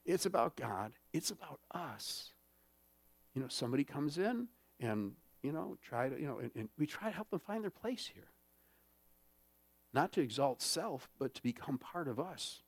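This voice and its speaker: A pastor preaches a sermon in church in a chatty way, full of fillers and frequent check-ins with the congregation. His slightly high voice is very animated, creaky and breathy, at a moderate pace, with no echo.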